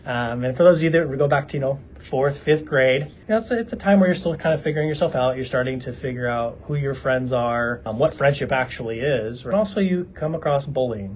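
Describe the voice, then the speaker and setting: A man in his thirties tells personal stories as a vlogger, speaking earnestly and directly to his audience. His voice sits in an ordinary middle pitch, with a faint noise bed underneath. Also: darkish tone, poor audio. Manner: earnest, conversational, addresses viewers directly. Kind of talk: reflective personal storytelling to camera.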